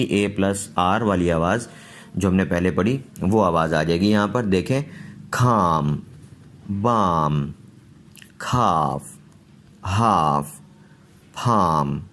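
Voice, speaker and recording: A man teaching English pronunciation, explaining rules patiently and repeating each word slowly. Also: low voice, a little hiss or hum. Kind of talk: slow pronunciation lesson.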